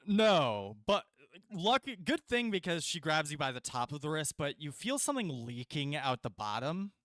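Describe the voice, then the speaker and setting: Male game master, animated pitch, chatty, many fillers, dry close sound. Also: moderate pace, no echo. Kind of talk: narrating a tabletop game.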